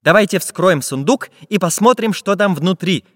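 A man's voice: high voice, lively intonation, moderate pace, no room sound, studio quality, long reverb tail, pitched above the performer's own voice. A man voicing a practical little iron tinkerer man who talks in a firm, businesslike way.

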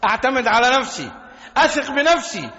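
Egyptian male preacher, high and sharp-edged, surges from hushed intensity to shouts; echoing hall. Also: big pitch swings, fast. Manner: impassioned, swings between shouting and low intensity. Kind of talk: Friday sermon. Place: mosque. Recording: echoey mosque hall, dull lo-fi.

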